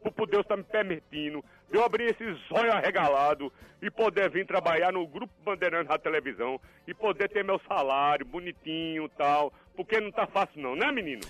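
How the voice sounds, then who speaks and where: A man playing an excitable middle-aged doorman in a radio comedy sketch, stammering and rambling, then bursting into shouts. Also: on the high side, a little fast, soft background music. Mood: chatty.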